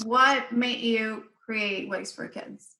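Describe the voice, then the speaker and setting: A woman's voice: a little high, fairly even intonation, takes it slowly, pushed and bright. A woman hosting an online interview, eager and effusive in her welcomes. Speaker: summit host.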